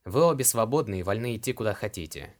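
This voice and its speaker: A man's voice: fairly low pitch, lively intonation, quick pace, darkish tone, natural voice. A man voicing an earnest, somewhat flustered young male hero in his own plain voice in an audiobook.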